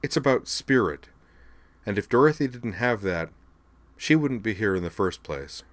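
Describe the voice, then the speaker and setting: A man voicing a proud young woman pleading her case with steady, measured conviction. The delivery is soft-spoken and earnest in a dry, close recording, rooted in a low voice. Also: dry recording, natural voice. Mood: defiant. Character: young woman speaking before a board, defiant. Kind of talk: audiobook dialogue.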